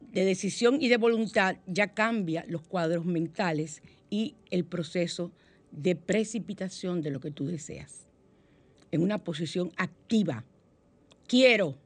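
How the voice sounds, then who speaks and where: A middle-aged woman hosting a motivational radio talk, telling stories warmly and acting out the voices she quotes. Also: mid-range voice. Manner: warm, animated storytelling with acted-out quotes. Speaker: radio show host.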